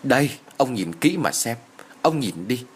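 A man's voice: mid-range voice, very animated, a little slow, slight background noise. A man voicing a distraught older village mother who wails and scolds. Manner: wailing and scolding.

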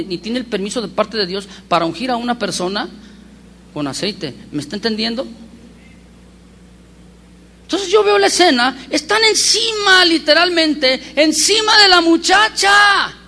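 A man preaching a sermon as pastor, telling stories with lively emphasis and asking the congregation rhetorical questions. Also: very high-pitched. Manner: animated storyteller with rhetorical questions.

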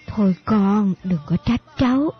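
A woman's voice: mid-range voice, unhurried, breathy edge. A woman reading a young woman's lines in an audiobook, with a coaxing, playful, pleading manner. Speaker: voice actress in an audiobook. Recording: muffled audiobook with faint music.

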